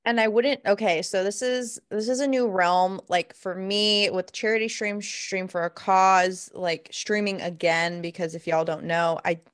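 A woman's voice: mid-range voice, fairly even intonation, measured pace, hardly any pauses. Playful young woman podcast host. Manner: playful, chatty, casual slang. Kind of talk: casual interview conversation.

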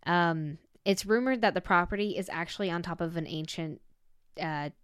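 A young woman with a light Southern accent, hosting a casual chat with quick asides and frequent laughs. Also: on the low side, clean tone, dry recording, clean studio sound.

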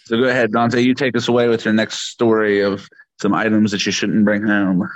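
A man's voice: fairly low pitch, little pitch movement, no room sound. A man co-hosting a podcast in casual chat, tossing in jokes. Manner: jokey, quick quips. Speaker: podcast co-host. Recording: dull lo-fi mic sound.

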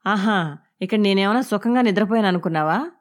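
A woman reading an audio novel voices a wronged young wife and new mother who speaks in a sharp, accusing, raised voice. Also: mid-range voice, fast, lightly acted. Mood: bitter, accusing.

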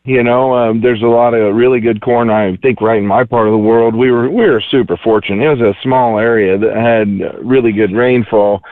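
A man's voice: mid-range voice, fairly even intonation, moderate pace, few pauses, no echo. Folksy man talking over a tinny phone line. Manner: folksy, rambling with many fillers. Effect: heard over the phone. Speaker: market analyst guest. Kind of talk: casual market commentary.

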